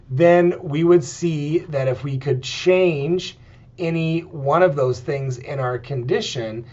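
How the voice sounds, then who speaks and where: A male chemistry lecturer explains at a mid pitch, stopping often to check in with "okay" and filling pauses with "um". The recording sounds muffled and lo-fi. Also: darkish tone, a little hiss or hum. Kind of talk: recorded lecture, writing on slides.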